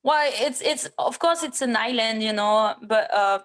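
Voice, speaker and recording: A woman's voice: a little high, unhurried, fairly bright tone. A woman in her thirties from France, speaking English as a guest in a casual interview, hesitant with many fillers and restarts, and blunt at times. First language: French. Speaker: MMA fighter, interview guest.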